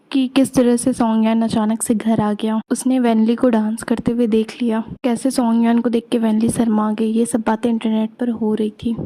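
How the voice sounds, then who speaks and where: A woman casually retelling a romance story, summarizing scenes and reading the dialogue flatly. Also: on the high side, poor audio.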